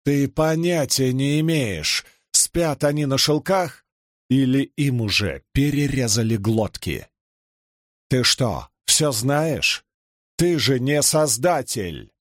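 A man's voice: lowish voice, expressive, moderate pace, few pauses, no room sound. A blunt, defiant young man in a fantasy audiobook, as a male narrator puts him on. He talks back sharply and with reproach, close to the reader's own voice, and it is recorded close and dry.

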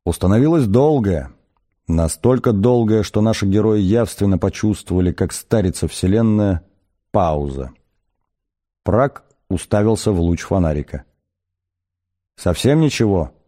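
A man reading a comic novel aloud as an audiobook narrator, in a measured, expressive storytelling manner. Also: lowish voice. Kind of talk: scripted narration.

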